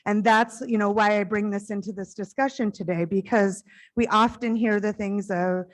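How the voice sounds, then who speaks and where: With a loud, medium-pitched voice and fairly even intonation, a middle-aged woman speaks earnestly and from the heart at a conference stage microphone. Sometimes she speeds up in quick bursts.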